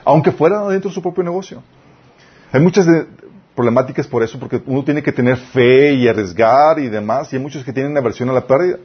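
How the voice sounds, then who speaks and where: A man's voice: medium pitch, brisk, breathy edge, muffled recording. A man preaching a sermon. He reads scripture aloud, stops to explain it, and asks his listeners questions. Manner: addresses the audience as "chicos", asks them questions.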